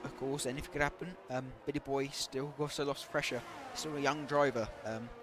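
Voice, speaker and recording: A man's voice: mid-range voice, fairly even intonation, a little fast, noisy background. A man doing live commentary on an online racing league, talking hesitantly with many fillers, saying he is losing his voice.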